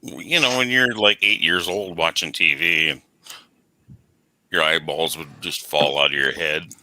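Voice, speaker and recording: A man's voice: very deep voice, measured pace, bright, forceful tone, dry recording, rough recording. A man with a lisp chatting casually on a talk show, rambling and often correcting himself. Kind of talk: casual chat.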